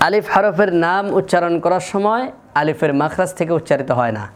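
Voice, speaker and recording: Male Quran teacher, high voice, patient drilling delivery, light hiss. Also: a little fast. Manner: patient, methodical, repeats sounds to demonstrate. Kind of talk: slow, deliberate lesson with repeated sample sounds.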